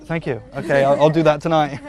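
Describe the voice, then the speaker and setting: Outdoors at a rural monastery, a man presents a documentary to camera in a formal, measured way with some repeated phrasing, over a noisy crowd. His voice is fairly high and level in tone, and he jokes and chats cheerfully with children.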